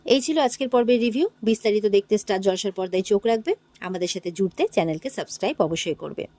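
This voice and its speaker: A woman's voice: mid-range voice, animated, quick pace, a little mellow, no room sound. A woman narrating a casual recap of a TV serial episode, briefly acting out the characters' lines. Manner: briefly acts out characters' lines in shifted voices.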